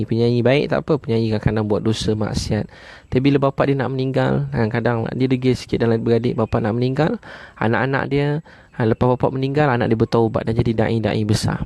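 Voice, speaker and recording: Male preacher, Malaysian Malay accent, gravelly voice, repetitive emphatic delivery. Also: mid-range voice, mellow, dry recording. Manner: repeats each point, many "ha" fillers; chants Arabic prayers slowly. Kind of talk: sermon.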